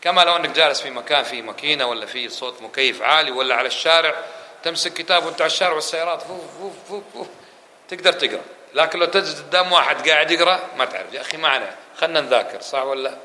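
A man teaching a religious lesson to a mosque audience, asking questions and answering them himself. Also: a little high. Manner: fast, lively delivery that drops to quick murmured dhikr runs. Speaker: Islamic scholar teaching a lesson. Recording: echoey room with faint hum.

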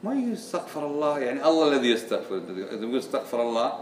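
A man's voice: mid-range voice, sing-song, very fast. Male religious teacher, questioning style, recorded from far off with faint background hiss. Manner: quizzing students with repeated questions. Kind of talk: classroom religious lesson. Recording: echoey room, voice from far off.

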